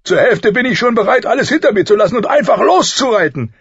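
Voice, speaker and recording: Roaring jovial king, high and husky, dull lo-fi sound. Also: animated, quick pace, fairly bright tone, no room sound, full character voice. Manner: bellowing, hearty, laughing. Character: boisterous bawdy middle-aged king, loud and jovial. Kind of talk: audiobook character voice.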